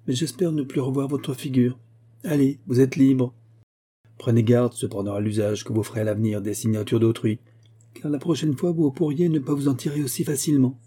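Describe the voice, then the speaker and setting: A man's voice: mid-range voice, dark tone, husky, lightly acted. A man reading the part of a severe, unforgiving elderly banker who speaks in a commanding way. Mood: stern.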